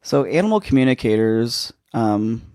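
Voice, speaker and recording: A man's voice: mid-range voice, sing-song, darkish tone, no room sound, studio quality. Chatty man explaining on a podcast. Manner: chatty, explaining with fillers and restarts, quick asides. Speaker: podcast co-host. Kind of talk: casual chat.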